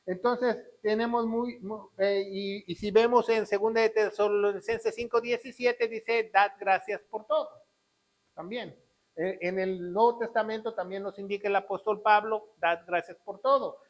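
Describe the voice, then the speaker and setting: Animated high-voiced preacher. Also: male voice, normal speed, poor audio. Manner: animated preaching, swings between loud exclamations and quiet asides. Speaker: pastor. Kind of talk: sermon.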